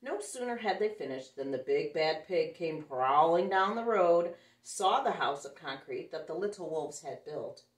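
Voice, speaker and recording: A woman with a low, animated voice reads a picture book aloud to children in a playful, sing-song way, at normal speed with hardly any pauses. She was recorded indoors in an echoey room, with the mic some distance away.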